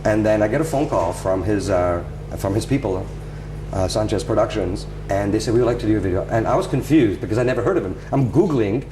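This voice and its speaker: Toronto-accented man chatting over loud hum. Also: on the low side, expressive, fairly quick. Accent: Toronto Canadian. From Toronto, Canada, from age ten, born in England. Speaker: interview guest, music video director. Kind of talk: casual interview chat. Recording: loud background noise with hum.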